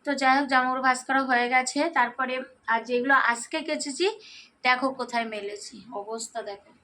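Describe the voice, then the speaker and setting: A middle-aged woman, slightly hoarse, chatting casually to viewers through a daily-routine vlog and often checking in with them. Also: high voice, fairly even intonation, quick pace, bright, forceful tone, slight background noise. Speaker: vlogger.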